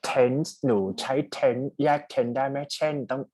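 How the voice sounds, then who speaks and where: A man's voice: medium pitch, level tone, slow pace, darkish tone, no room sound. A Thai man coaching a student for a speaking exam, chatty and mixing English terms into his talk over a call. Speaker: IELTS speaking tutor. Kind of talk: casual one-on-one coaching.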